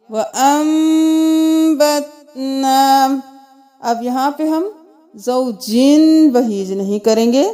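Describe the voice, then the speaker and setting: Woman tajweed teacher, high mellow voice, spells out letters and vowels before slow melodic recitation.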